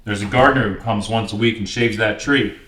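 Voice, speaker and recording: A man's voice: fairly low pitch, fairly quick, a bit bright, roomy sound, lightly acted. An actor playing a frustrated, isolated man trapped in a garage apartment, talking with sarcastic exasperation.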